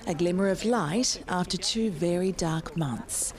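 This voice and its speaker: A woman foreign correspondent reading a scripted news report in a steady, measured voiceover. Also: on the low side.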